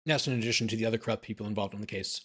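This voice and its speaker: A man hosting a livestream as an attorney, reading court documents aloud and commenting casually, his voice tiring and going hoarse. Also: on the low side, a bit bright. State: losing his voice.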